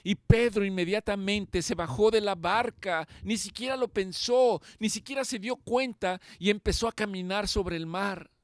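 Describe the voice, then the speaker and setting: A man's voice: sits high, normal speed, few pauses, no echo. A man preaching a sermon as pastor, impassioned and emphatic, repeating key phrases for weight.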